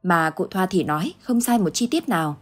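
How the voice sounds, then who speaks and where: A woman's voice: on the low side, very animated, normal speed, faint music behind. Woman voicing an anxious old village husband. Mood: denying.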